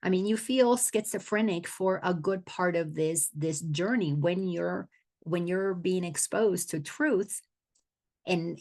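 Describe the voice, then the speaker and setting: A woman's voice: fairly low pitch, creaky, darkish tone. A middle-aged woman from the Dominican Republic, an awareness coach giving a spiritual teaching talk, earnest and often restarting her words.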